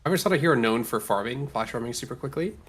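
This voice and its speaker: A man's voice: medium pitch, lively intonation, very fast, a crowd in the background. A man giving analytical live esports commentary in an explanatory way, breaking down strategy.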